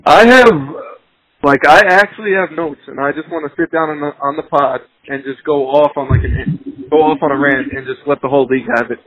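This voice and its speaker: On a muffled recording with no echo, a man's slightly high, fairly bright voice comes through at a fairly quick pace. He's a police officer guesting on a podcast, trading friendly but blunt, combative, swear-filled jabs in a bantering phone chat.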